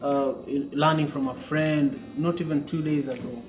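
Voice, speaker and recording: A man from Kenya, hosting an interview in a relaxed way, with lots of "you know"s. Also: fairly high pitch, normal speed. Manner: relaxed, filler-heavy, many "you know"s. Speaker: podcast host. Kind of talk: casual interview. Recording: echoey room with guitar music behind.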